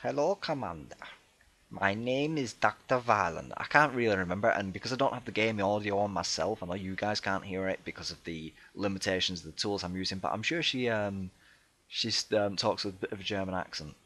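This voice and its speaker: A man's voice: sits low, quick pace, a bit bright. A man talking casually over his gameplay, hesitant and chatty, with many ums and restarts and a self-deprecating tone. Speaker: let's play gamer.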